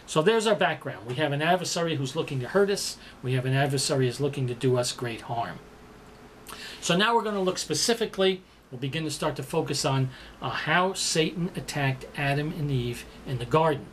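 A man's voice: on the high side, animated, a little fast, a bit bright, slight background noise. A man preaching a sermon, explaining words and repeating the verse for emphasis. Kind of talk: sermon teaching.

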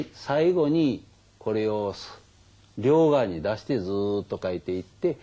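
A man's voice: fairly low pitch, warm tone, slightly rough, dull audio. An older man, patiently explaining how to write kanji to schoolchildren, with many fillers. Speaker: elementary school teacher. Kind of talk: kanji lesson for children.

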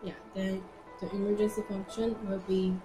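Speaking in a level tone with a mid-range voice, a young woman runs an informal live product demo inside a showroom. Her English is simple, halting and non-native, with repeated phrases, and the sound is echoey with music behind.

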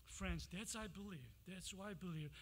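A man's voice: high voice, moderate pace. A man with a Korean accent preaching a sermon, reading scripture dramatically and chanting Hebrew phrases with emphasis.

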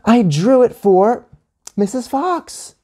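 A man voicing a whiny, possessive little girl who yells in a high voice. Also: wildly swooping pitch, measured pace, exaggerated voice.

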